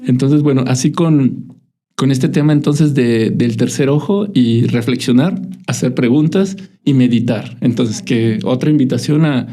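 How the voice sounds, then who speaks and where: A man's voice: mid-range voice, measured pace, warm tone. A man hosting a podcast, talking in a reflective, hesitant way with many restarts. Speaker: podcast host. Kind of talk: casual spiritual conversation.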